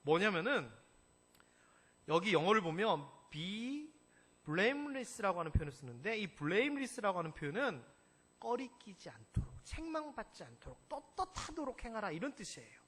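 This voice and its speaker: A man preaching a sermon as senior pastor, telling stories in an animated way and asking the congregation questions. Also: sits high, moderate pace. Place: church sanctuary. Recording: echoey church hall.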